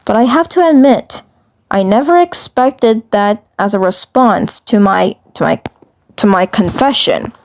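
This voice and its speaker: A woman voicing a smitten, flustered little male alien commander in an amateur fandub, halting and repeating phrases. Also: mid-range voice, lively intonation. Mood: fond, teasing.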